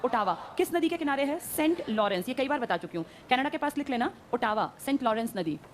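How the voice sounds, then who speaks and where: A woman teacher giving a brisk classroom lecture, quizzing her students and answering her own questions. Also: sits high, expressive, a little hiss or hum.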